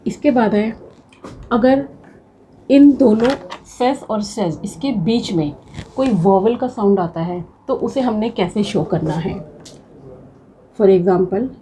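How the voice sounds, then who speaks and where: Slow, patient woman teacher. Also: mid-range voice, expressive, mellow, a little hiss or hum, low-quality recording. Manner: patient, repeats words slowly to drill them. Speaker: shorthand teacher. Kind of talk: slow classroom explanation.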